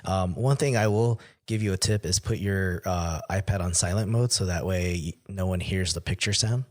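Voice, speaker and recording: Low-voiced man sharing practical tips. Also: moderate pace. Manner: relaxed, shares tips from experience. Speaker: podcast co-host. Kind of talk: casual technical chat.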